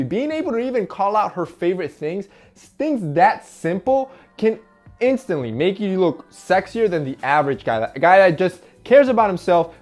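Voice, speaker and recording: A man's voice: sits high, a little mellow. A man hosting a casual advice vlog, talking directly to viewers in a coaching way over faint background music. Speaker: men's style vlogger.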